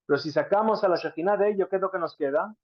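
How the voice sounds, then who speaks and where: A man with a fairly high voice teaches a Talmud class, often posing rhetorical questions and glossing Hebrew words. The sound is dry and somewhat dull and lo-fi, close with no room. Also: racing, no room sound. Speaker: Torah teacher.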